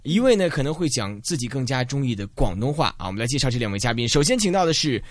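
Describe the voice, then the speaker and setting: A man's voice: medium pitch, very animated, fast, no room sound, studio quality. A man hosting a talk show in a casual, teasing, bantering way. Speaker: radio talk show host.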